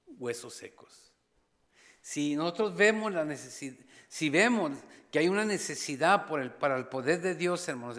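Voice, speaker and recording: A man preaching as a pastor, passionate, rising to loud appeals and dropping to hushed asides. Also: a little high. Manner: impassioned, swings between loud exhortation and hushed asides; slips briefly into English phrases. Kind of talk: sermon. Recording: long church reverb.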